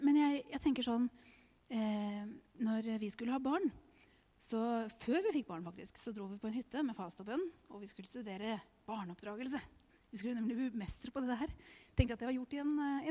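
A woman's voice: on the high side, dark tone. A middle-aged woman preaching a personal testimony, emotional, laughing through tears and dropping to whispers. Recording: hall reverb.

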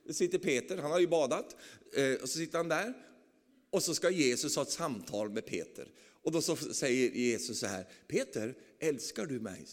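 A man preaching a sermon, telling the story animatedly with frequent tag questions. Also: fairly high pitch. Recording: long reverb of a large hall.

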